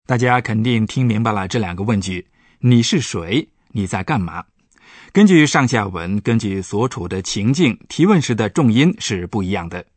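A man's voice: lowish voice, a little mellow, breathy edge, dry recording. A man, a professor, patiently explaining German grammar in a radio language lesson.

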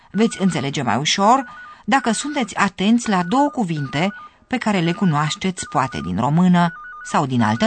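A narrator giving scripted, measured explanations in a radio language course. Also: mid-range voice, slight background noise.

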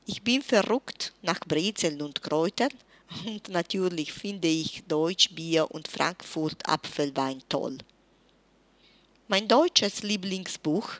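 A woman in her forties from Italy, a native Italian speaker with an Italian accent, introduces herself as a German teacher in a careful, measured, slightly formal way. Her voice is lowish with a fairly bright tone, recorded with no echo.

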